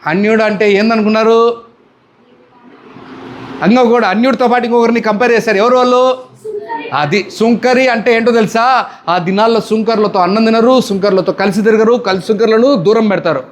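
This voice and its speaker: A man's voice: high-pitched, fairly even intonation, fairly quick, pauses often, slight background noise. A male pastor with a Telugu accent preaching a sermon, often firing questions at the congregation and demanding answers.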